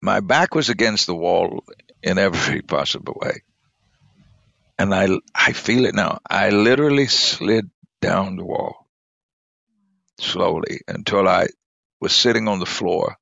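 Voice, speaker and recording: Gravelly low-voiced man telling an emotional story. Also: animated, unhurried, long pauses, a bit bright, no echo, dull audio. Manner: emotional, intimate storytelling, dropping to near whispers. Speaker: bishop and chairman. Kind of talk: storytelling in a faith conversation.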